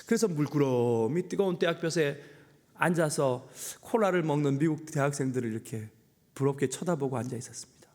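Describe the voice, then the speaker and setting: A man's voice: a little high, expressive, a little fast, darkish tone. A middle-aged male pastor preaching a sermon, telling a personal story with humor and emotion. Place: church sanctuary. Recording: long hall reverb.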